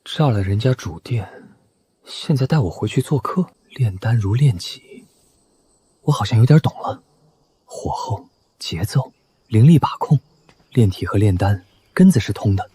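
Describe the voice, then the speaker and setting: A man's voice: lowish voice, expressive, measured pace, mellow, breathy edge, exaggerated voice. An actor voicing a young male apprentice cultivator, thoughtful and earnest.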